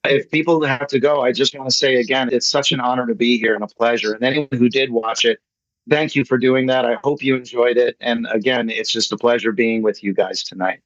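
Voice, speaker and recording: On an online video meeting, a man with a mid-range, fairly bright voice and fairly even intonation talks fairly quickly as a guest answering questions. He's casual, effusive and rambling, repeating himself for emphasis, and the video-call audio is dry and slightly dull.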